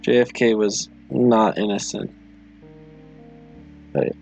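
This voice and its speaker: A man hosting a livestream, chatting casually with viewers in a halting, apologetic, rambling way. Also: on the low side, level tone, creaky, a little mellow, muffled recording, faint music behind. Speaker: livestream host.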